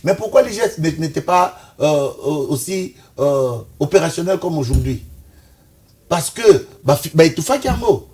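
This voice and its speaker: Husky man in heated political debate. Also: fairly high pitch, animated, normal speed, darkish tone. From Congo, Kinshasa. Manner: insistent, analytical, pushes back when interrupted. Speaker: political commentator.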